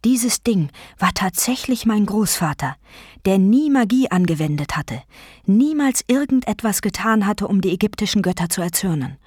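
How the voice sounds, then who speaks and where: A woman narrating an audiobook in a lively storytelling manner, with a slightly husky voice. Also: mid-range voice, moderate pace, no echo, clean studio sound. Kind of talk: scripted narration.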